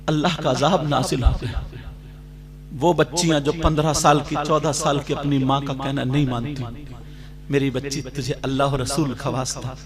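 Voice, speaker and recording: A male preacher delivering an Islamic sermon, telling a cautionary tale in a drawn-out sung cadence and then dropping to plain speech to appeal to listeners. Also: a little high. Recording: voice over loud music. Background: music.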